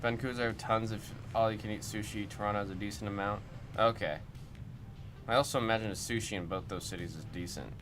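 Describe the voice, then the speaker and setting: A young man running a card-break livestream talks fast, riffing loosely on viewer comments and puzzling over them aloud. His pitch is fairly low and his tone steady, and music plays underneath.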